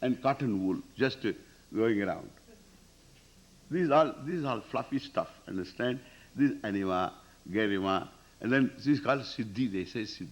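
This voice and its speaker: Male scripture teacher, Indian accent. Emphatic, highly animated delivery that repeats key phrases and questions the listeners. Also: moderate pace. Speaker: spiritual teacher. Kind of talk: Vedanta scripture discourse with Sanskrit recitation.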